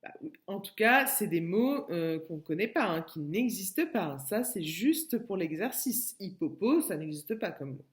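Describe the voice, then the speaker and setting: A woman's voice: fairly low pitch, sing-song, normal speed. A woman with a French accent, a kindergarten teacher recording a lesson for a child at home and breaking words into syllables patiently.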